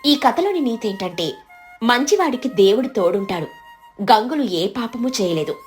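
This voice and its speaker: A woman reads out a moral story for an animated cartoon in a steady, measured storytelling voice. Her pitch sits somewhat high. Faint music plays underneath. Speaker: narrator. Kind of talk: scripted storybook narration.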